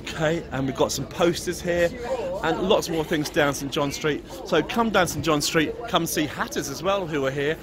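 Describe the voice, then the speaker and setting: Touring a crowded Christmas market, an English vlogger with a fairly high voice speaks at a moderate pace, joking and chuckling with the stallholders he meets. His gimbal-mounted camera captures the street's crowd chatter.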